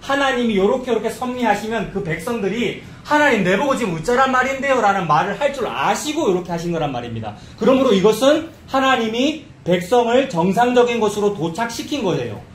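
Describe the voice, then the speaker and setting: A man's voice: high voice, big pitch swings, a little fast, few pauses, reverberant, a little hiss or hum. A man preaching a sermon as pastor, in a conversational style. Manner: conversational preaching, acts out quoted voices. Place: church sanctuary.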